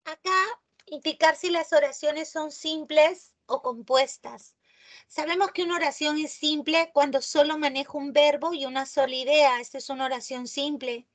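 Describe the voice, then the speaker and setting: A woman teaching a live online grammar class. She often checks in with her students and stresses key terms slowly. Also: sits high, steady tone. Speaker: language teacher.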